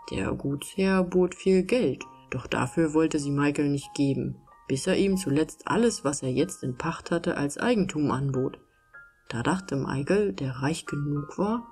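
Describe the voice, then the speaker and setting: A woman reads a fairy tale in a calm, soothing storytelling manner. Her voice sits low, with soft music faintly behind her. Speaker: audiobook reader.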